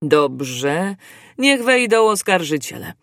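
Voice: mid-range voice, sing-song, takes it slowly, pushed and bright, no room sound, studio quality, exaggerated voice. A reader voicing a fussy male colonial judge in an audiobook, speaking in a raised, emphatic way. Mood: stern.

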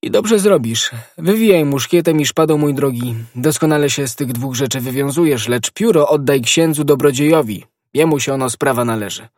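A man's voice: medium pitch, moderate pace, few pauses, a little mellow, no echo, clean studio sound, pitched above the performer's own voice, natural voice. A man reading a grave, admonishing noble musketeer in a raised voice in an audiobook. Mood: approving. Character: proud stern nobleman musketeer, older friend.

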